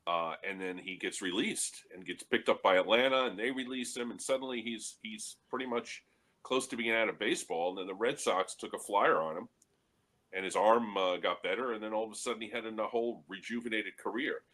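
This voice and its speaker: A man with a low, forceful voice who tells stories on a panel discussion. He chats in a relaxed way and breaks into chuckles between stories. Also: a little fast. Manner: storytelling with chuckles. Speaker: panel guest.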